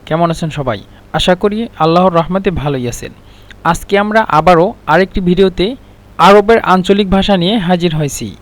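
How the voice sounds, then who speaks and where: High-voiced man teaching Arabic words. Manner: repeats each word slowly, with many hesitations. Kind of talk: spoken vocabulary lesson.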